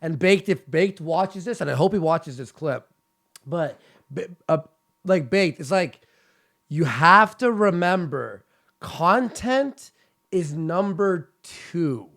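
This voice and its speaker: A man hosting a casual chat show, asking quick, stumbling questions with frequent restarts. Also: fairly high pitch, lively intonation, gravelly, fairly bright tone. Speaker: podcast host.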